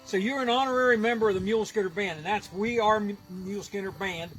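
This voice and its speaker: Casual folksy guy, joking around, high voice, kinda halting with lots of uhs. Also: fairly even intonation, fairly bright tone, soft background music, poor audio. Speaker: musician presenting an award. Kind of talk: casual chat on a film shoot.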